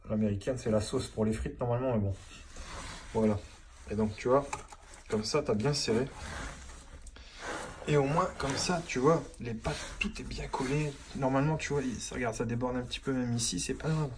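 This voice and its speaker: A man's voice: mid-range voice, normal speed, long pauses. A man working as a plumber, explaining his job in a casual, informal way and constantly checking that the viewer is following along. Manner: chatty and informal, keeps saying "tu vois" to the viewer. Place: indoor building site under renovation. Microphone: phone held in hand while working. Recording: noisy handheld phone recording on a work site.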